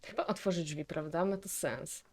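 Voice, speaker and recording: In a casual reaction video, a Polish woman muses and reasons aloud about what she's watching. Her voice is on the low side, very soft-edged and dark, at normal speed.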